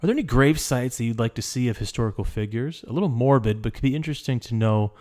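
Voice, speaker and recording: A man's voice: mid-range voice, fast, darkish tone, natural voice. A man reading out a listener's letter in a put-on voice as a cocky, foul-mouthed letter writer, with crude, emphatic swearing. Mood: brash.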